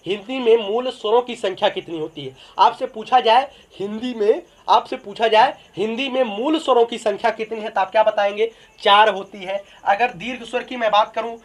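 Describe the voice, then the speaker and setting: Male teacher, fairly high voice, drills points by asking and answering himself. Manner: repeats each point as a question and answers it. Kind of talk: Hindi grammar lesson.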